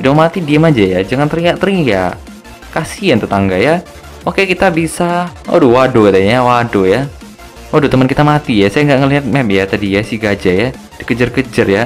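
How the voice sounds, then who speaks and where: A man's voice: mid-range voice, lively intonation, a little fast. A young man talks through a match in casual, joking commentary. His voice swings up and down a lot as he teases and hurries his teammates along, with faint music playing underneath. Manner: chatty and joking, ends phrases with tag words. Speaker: gaming video host.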